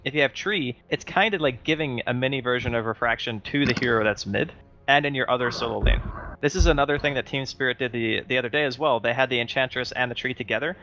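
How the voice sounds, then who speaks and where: A male esports caster with a bright, edgy tone talks through the draft in an analytical, chatty way. Faint music plays underneath his voice. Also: medium pitch, fast. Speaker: esports commentator. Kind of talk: live game commentary.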